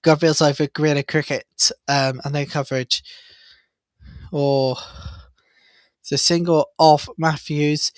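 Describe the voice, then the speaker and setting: A man hosting a live cricket watchalong, chatty and excitable, jumping up in pitch at big moments. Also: unhurried, long pauses, smooth, dry recording. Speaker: watchalong host.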